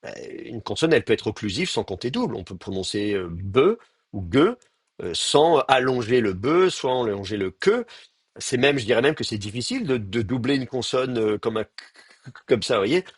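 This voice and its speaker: A man's voice: mid-range voice, lively intonation, brisk, husky, dry recording, studio quality. A man teaching a live grammar lecture, thinking aloud with many fillers and restarts and speaking straight to his students. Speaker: Hebrew teacher.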